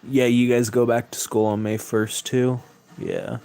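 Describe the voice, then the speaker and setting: A hoarse young man hosting a late-night livestream, chatting loosely with viewers and swearing a lot. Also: medium pitch, level tone, a little slow, dark tone. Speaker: livestream host.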